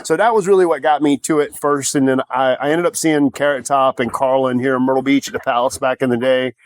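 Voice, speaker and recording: A man's voice: mid-range voice, fairly even intonation, a little fast, no room sound, low-quality recording. A man in his forties from South Carolina, telling rambling, self-deprecating stories with lots of restarts as a guest on a comedy podcast. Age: 40s. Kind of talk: casual storytelling chat.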